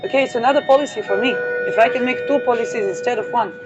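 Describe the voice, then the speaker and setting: A woman's voice: a little high, rapid-fire, over loud music. A woman hosting an astrology channel who talks in a rambling, digressive way, with playful asides and frequent fillers. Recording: dull lo-fi audio with vehicle noise.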